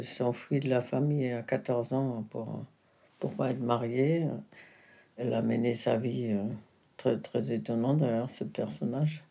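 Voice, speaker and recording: Her voice is extremely low, creaky and warm. As the filmmaker's mother in an interview, she talks intimately in French, which isn't her native language, groping for words and restarting many times.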